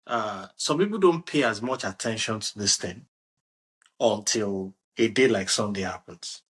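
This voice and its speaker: A man hosting a casual football discussion, animated and restarting his sentences often. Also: on the low side, a little slow. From Nigeria. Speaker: podcast host.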